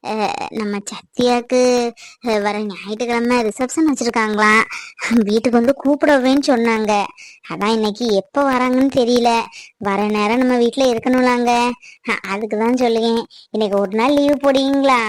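A woman's voice: fairly high pitch, dry recording, natural voice. Woman playing pleading middle-aged mother, earnest, dry close sound. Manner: coaxing, earnest. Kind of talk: family drama skit.

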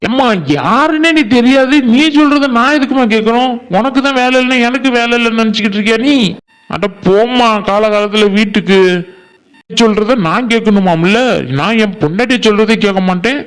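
A man's voice: very high-pitched, a little fast, fairly bright tone, smooth. A man voicing an irritated married man on a bike in a cartoon, brushing off a stranger. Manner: dismissive, grumbling. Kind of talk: cartoon voice acting.

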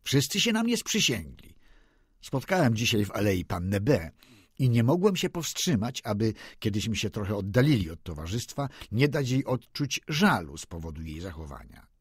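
Husky man reading an impassioned audiobook. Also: on the low side, moderate pace, no room sound, studio quality. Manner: impassioned, expressive narration. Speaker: audiobook reader. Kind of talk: dramatic literary reading.

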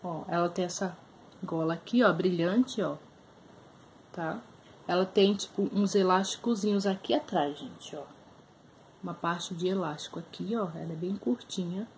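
Speaking at a normal speed in a low, darkish voice, a young Brazilian woman shows off thrift finds to the camera in a small room. This vlogger's casual haul chat is full of fillers, and she brings items up close as she talks with a Brazilian Portuguese accent. The recording is rough, with slight background noise.

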